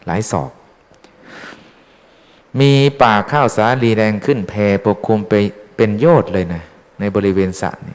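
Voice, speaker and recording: Chatty monk in a reverberant hall. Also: male voice, lowish voice, a little mellow. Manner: chatty, teasing the audience with questions. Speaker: Buddhist monk teaching dharma. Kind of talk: informal dharma talk to lay followers. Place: temple hall.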